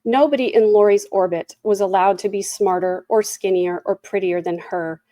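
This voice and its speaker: A woman with a medium-pitched voice delivers a prepared victim statement. Her tone is a little dark and mellow, and the sound is fairly dry. She speaks solemnly and deliberately, leaning on repetition as she lays out accusations. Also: steady tone, dry recording. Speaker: person giving a victim impact statement. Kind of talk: prepared statement read aloud.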